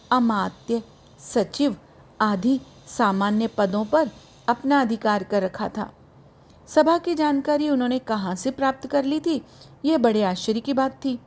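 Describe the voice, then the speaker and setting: A woman narrating a novel in the first person, in a slow, measured, literary reading. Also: on the high side, a little mellow. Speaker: audiobook narrator. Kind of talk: scripted audiobook narration.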